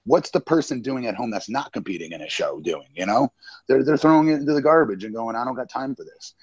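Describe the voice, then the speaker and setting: A man's voice: mid-range voice, lively intonation, fast talker, husky, dry recording. Brash man in his forties, lo-fi. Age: 40s. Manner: brash, boastful banter. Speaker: guest wrestler. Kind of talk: casual podcast chat.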